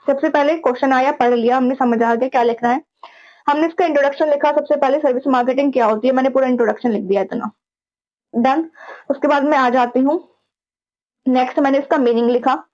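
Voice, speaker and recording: Woman, teacher, high voice, casual frank scolding tone, dull lo-fi sound. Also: a little mellow. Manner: frank, scolding, repeats "ठीक है". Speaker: teacher giving exam tips. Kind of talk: casual lesson to students. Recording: dull lo-fi recording.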